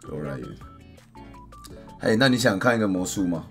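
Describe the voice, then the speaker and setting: Animated man ranting over faint music. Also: sits low, moderate pace. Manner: animated, mixes English phrases, ranting loudly. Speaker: live streamer. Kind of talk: casual livestream chat.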